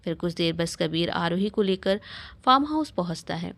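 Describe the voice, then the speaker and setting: A woman's voice: lively intonation, normal speed, dry recording. A woman reading a romantic story aloud, voicing every character's lines herself. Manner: reads all parts in her own voice, lifting pitch for dialogue. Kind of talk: scripted story narration.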